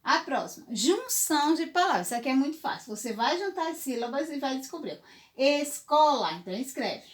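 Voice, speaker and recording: A woman's voice: sits high, big pitch swings, fast, few pauses. A woman teacher giving a recorded lesson to young children, patient and step by step, often checking in with the class. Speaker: primary school teacher.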